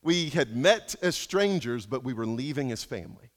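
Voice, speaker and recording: A man's voice: mid-range voice, lively intonation, normal speed. A man preaching a sermon as a pastor, telling a story earnestly and often restarting and repeating his words. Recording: long reverb of a large hall.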